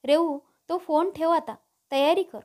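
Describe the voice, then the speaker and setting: A woman's voice: high-pitched, fairly even intonation, a little slow, darkish tone. A woman voicing a fussy, nagging middle-aged mother in a storybook reading. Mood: scolding. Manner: teasing, nagging.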